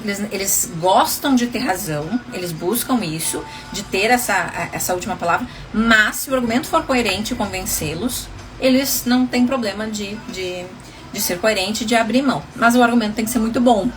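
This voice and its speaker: A woman's voice: fairly high pitch, fairly quick, slight background noise. Chatty, often laughing woman coach. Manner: chatty, laughs often, calls listeners endearing names. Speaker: relationship coach. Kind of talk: casual livestream talk to viewers.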